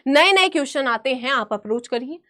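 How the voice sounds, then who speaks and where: Emphatic high-voiced woman teacher. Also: animated, brisk, fairly bright tone. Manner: emphatic, repeats phrases, calls students beta. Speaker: chemistry teacher. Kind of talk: exam-prep lesson.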